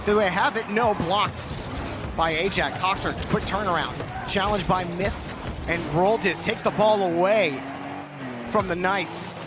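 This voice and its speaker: A man's voice: high-pitched, measured pace, over music. A man doing esports play-by-play commentary as a caster, calling the action in clipped phrases.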